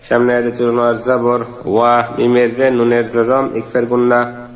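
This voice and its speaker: A man teaching Quran reading. He spells out letters and vowel marks one by one, then chants each verse slowly. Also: medium pitch, monotone. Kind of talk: step-by-step recitation lesson.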